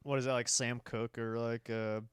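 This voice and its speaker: A man's voice: medium pitch, flat delivery, moderate pace, clear, resonant tone, no room sound, studio quality. A young man from the Chicago area with a mild Chicago accent, co-hosting a casual podcast with an easygoing manner. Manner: easygoing, many fillers. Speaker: podcast co-host. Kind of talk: casual chat.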